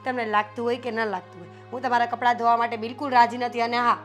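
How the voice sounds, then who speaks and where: A young woman playing a defiant, sharp-tongued wife who refuses and mocks. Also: a little high, steady tone, fast, faint music behind, natural voice. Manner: sarcastic, refusing, tart.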